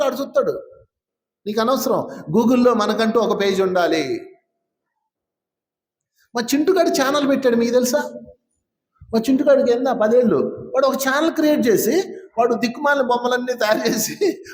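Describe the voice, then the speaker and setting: A man with a high, bright voice leads an informal spiritual talk before a gathering. He turns to people in the audience, questions them and ribs them good-naturedly. The sound is roomy and echoing, like a hall. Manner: conversational, quizzes and teases listeners. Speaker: spiritual teacher.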